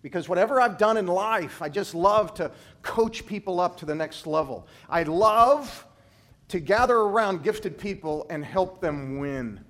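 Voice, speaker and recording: Preaching to students, an ex-gymnastics coach with a somewhat high voice is animated yet unhurried. His storytelling is emphatic, swooping up and down in pitch and loudness, and he goes low and quiet on the lines that matter most.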